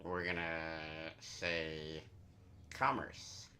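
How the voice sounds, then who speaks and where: A man's voice: low-pitched, steady tone, very slow, sharp tone, a little hiss or hum. A man chatting casually as he co-hosts a live game stream. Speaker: gaming streamer.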